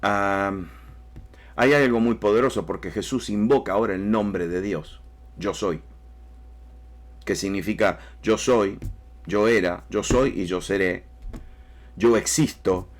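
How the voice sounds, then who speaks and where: A man's voice: fairly low pitch, measured pace, pauses often. A man preaching a sermon emphatically, with rising bursts and repeated phrases. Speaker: pastor.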